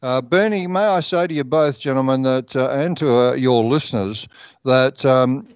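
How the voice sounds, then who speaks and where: A man's voice: medium pitch, normal speed, smooth, no room sound. A man, a musician guest, telling rambling stories on a headset over a slightly dull line. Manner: rambling, laughing storyteller. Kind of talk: casual radio chat.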